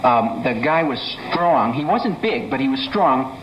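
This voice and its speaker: Halting male talk show host. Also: mid-range voice, animated. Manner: halting, stammering, self-interrupting. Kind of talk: casual comic talk to studio audience. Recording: dull, noisy 1970s TV studio.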